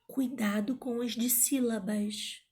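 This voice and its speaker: A woman teaching a grammar lesson in a playful manner, sometimes calling out words loudly to find the stressed syllable. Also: a little high, fairly even intonation, takes it slowly.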